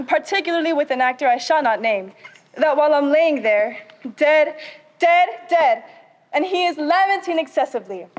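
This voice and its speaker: In a high school stage play, a young woman portrays a gracious, theatrical Victorian actress, delivering her lines politely and expressively.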